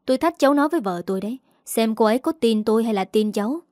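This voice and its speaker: A woman's voice: on the high side, expressive, racing, darkish tone, no echo, studio quality, close to an everyday voice. A woman voicing a defensive, cheating middle-aged man who sneers and bristles, in an audiobook story. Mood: irritated. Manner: irritated, sneering.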